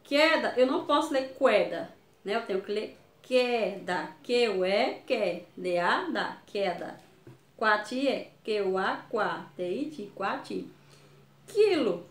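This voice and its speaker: A Brazilian woman teaching young children in a video lesson, sounding out syllables slowly. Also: medium pitch, lively intonation, reverberant. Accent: Brazilian Portuguese. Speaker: primary school teacher.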